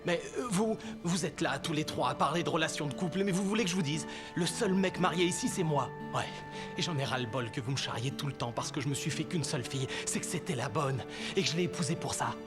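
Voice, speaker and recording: An actor playing an earnest, naive friend in a dubbed comedy film, giving emphatic, grandly solemn romantic advice. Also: male voice, a little high, fast, close to an everyday voice. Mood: eager, indignant. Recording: loud music over the voice.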